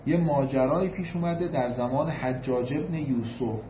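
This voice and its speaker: A man's voice: medium pitch, noisy background. A man from Iran giving a storytelling sermon, emphatic, repeating key points and reciting Arabic quotations before translating them. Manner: emphatic, repeats figures for weight. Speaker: religious lecturer. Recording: roomy, slightly dull recording.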